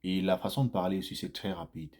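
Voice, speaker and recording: Speaking fast, a lowish-voiced vlogger recounts his life as an immigrant in an informal, first-person way to his audience. He chats freely, circles back to repeat phrases, and gets livelier as each anecdote unfolds.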